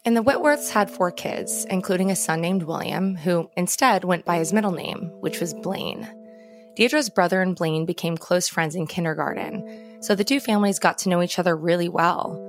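A woman's voice: lowish voice, normal speed. An American woman co-hosting a podcast, reading scripted narration as a true crime narrator. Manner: true crime narrator, posing dramatic questions. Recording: music behind the voice.

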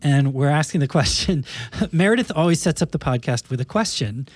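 A man's voice: on the high side, lively intonation, a little fast, no echo. A man hosting a casual podcast chat from a studio, introducing guests in a playful, teasing manner. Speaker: podcast host.

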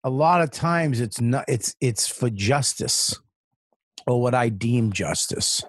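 A man guest on a casual podcast, telling stories in an animated way with a lot of swearing and restarts. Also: medium pitch, slow pace, no room sound, studio quality. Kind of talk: casual storytelling chat.

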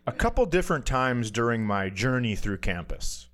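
A crowd murmurs behind a man of medium pitch and moderate pace as he, a comedian guest on a podcast, shares a casual comic tale poking fun at himself. He acts out each person's lines with lively energy.

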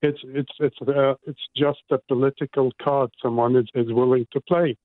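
A man's voice: medium pitch, steady tone, moderate pace, no echo. A man from Iraq, a guest on a radio interview, speaking earnestly and indignantly about his home. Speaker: guest, resident. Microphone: phone. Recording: dry tinny phone line.

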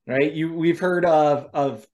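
A man hosting a casual chat, telling animated stories about cooking wild game and laughing often. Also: on the high side, slow. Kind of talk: casual conversation.

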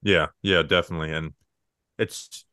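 A man's voice: low-pitched, steady tone, moderate pace, pushed and bright, dry recording, clean studio sound. A young man co-hosting a casual sports talk show, loose and full of "like" fillers. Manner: casual, filler-heavy with lots of "like". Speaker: podcast co-host.

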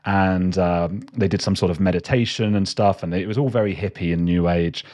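Very low-voiced man telling stories. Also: steady tone, fairly quick, a little mellow. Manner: rambling, self-deprecating, lots of fillers. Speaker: guest, documentary maker. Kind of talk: casual storytelling chat.

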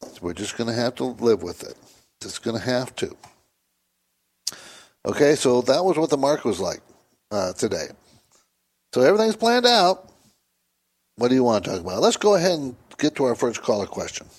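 A man's voice: mid-range voice, very animated, normal speed, long pauses, slightly rough. Rambling man hosting a call-in show. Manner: casual, rambling, repeats points for emphasis. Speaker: radio talk show host and financial advisor. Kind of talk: call-in finance radio talk. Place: studio in Southern California.

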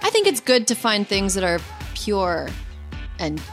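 Podcast host, woman, mid-pitched, dry and sarcastic, faint music underneath. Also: big pitch swings, measured pace, a bit bright. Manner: wry, sarcastic, profane. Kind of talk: casual podcast chat.

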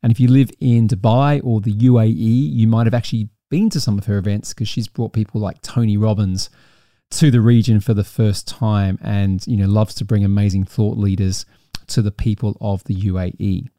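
Upbeat male podcast host, dark voice. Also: fairly low pitch, fairly even intonation, normal speed, no room sound, clean studio sound. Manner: enthusiastic, rambling with restarts. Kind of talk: podcast interview. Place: studio in Dubai.

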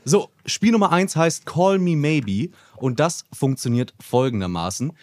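A man's voice: fairly high pitch, unhurried, no echo. A man hosting a podcast game show, patiently explaining the rules and plugging the community site. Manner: steady, explanatory.

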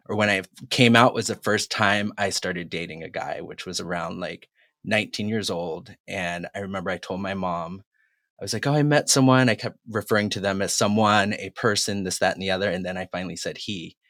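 A Massachusetts man in his forties, a guest on a recorded personal-story piece, candidly and reflectively recounts his life, using plenty of fillers. His deep voice is a bit bright, captured cleanly in a studio with no room sound.

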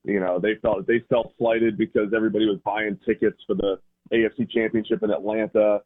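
Over a thin, phone-like connection, a Boston-area American guest on a radio show talks football in an easygoing way, often rephrasing. His voice sits fairly low, his delivery is flat, and he speaks fairly quickly.

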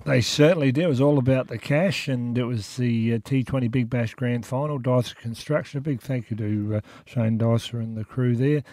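Mellow Australian man giving local sports scores. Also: medium pitch, moderate pace, few pauses, dry recording. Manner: colloquial, jokey nicknames and slang. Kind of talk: conversational radio sports round-up.

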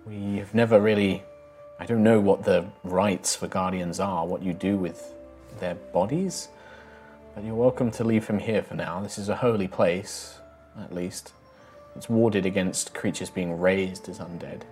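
A man's voice: deep voice, unhurried, a little mellow, faint music behind. A man voicing a stern, protective female knight who watches over a holy temple. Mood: calm. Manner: protective, firm and suspicious.

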